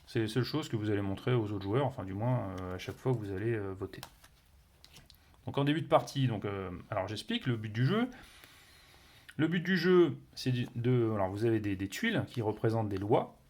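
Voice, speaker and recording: A man's voice: on the low side, lively intonation, a little fast, a little mellow. A man reviewing a board game, explaining its rules casually with many fillers, restarts and playful sound words. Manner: hesitant, many fillers and self-corrections.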